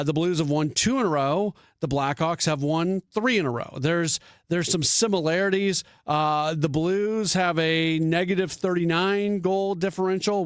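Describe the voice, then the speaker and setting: A man's voice: on the high side, no echo, studio quality. A man hosting sports radio talk, thinking aloud with frequent restarts and fillers.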